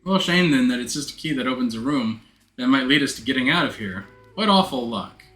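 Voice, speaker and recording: A man voicing a dry, suspicious investigator in a game, with a deadpan, probing manner. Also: mid-range voice, brisk, lightly acted. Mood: sarcastic. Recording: roomy echo, music behind.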